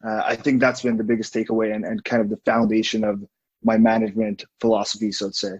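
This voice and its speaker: Husky young man from Estonia, dull audio. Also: fairly low pitch, level tone, fast talker, darkish tone. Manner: thoughtful, hesitant with fillers and restarts. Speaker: guest, digital marketing director. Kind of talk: casual interview.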